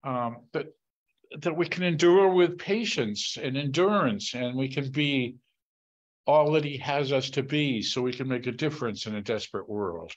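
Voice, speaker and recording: A man's voice: medium pitch, normal speed, highs cut off. A man joining a conversational Bible study over a video call, earnest and breaking into praise as he talks.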